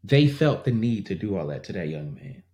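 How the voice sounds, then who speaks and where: A man's voice: fairly low pitch, big pitch swings, moderate pace, dark tone. Indignant man ranting in an echoey room. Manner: earnest, indignant, repeats himself. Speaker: vlogger. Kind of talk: casual commentary to camera.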